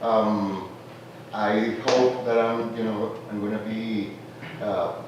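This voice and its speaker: A soft-spoken man born in Venezuela, a tourism marketer, casually introduces himself at a community meeting room gathering. His lowish voice moves slowly with fairly even intonation, hesitating and filling gaps with "uh" before warming into laughing enthusiasm. The dull audio was captured from far off in an echoey room with background noise.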